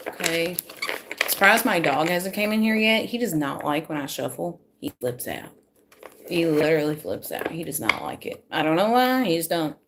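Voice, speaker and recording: A woman, going a bit hoarse, chatting to viewers as she gives a casual live tarot reading into her phone at home. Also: fairly low pitch, very animated, moderate pace, noisy background. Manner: chatty, self-deprecating, talks to viewers. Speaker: tarot reader.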